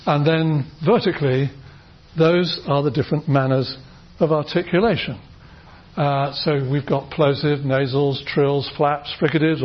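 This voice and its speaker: A British man giving a university phonetics lecture, explaining patiently with many fillers and restarts and demonstrating sounds aloud. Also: fairly high pitch. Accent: British English. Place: lecture room. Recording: dull lo-fi lecture recording.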